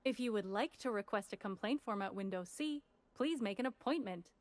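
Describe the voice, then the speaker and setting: A woman's voice: mid-range voice, animated, fairly quick, natural voice. An actress voicing a stiffly polite female parcel service clerk who sounds robotic.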